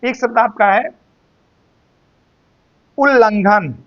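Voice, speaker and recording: High-voiced man teaching Hindi slowly. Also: lo-fi sound. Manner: slow, drawn-out repetition of words, addresses students as "beta". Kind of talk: spelling and grammar lesson.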